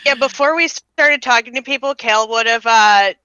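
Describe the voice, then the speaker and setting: A woman's voice: fairly high pitch, normal speed, bright, forceful tone, clear, resonant tone, dry recording. A woman chatting casually as a tabletop game player, on dull lo-fi audio.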